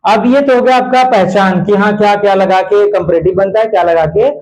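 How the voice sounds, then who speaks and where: A man's voice: high-pitched, steady tone, brisk, a little mellow. A male teacher giving a classroom grammar lesson, quizzing his students with repeated questions. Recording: dull lo-fi classroom recording.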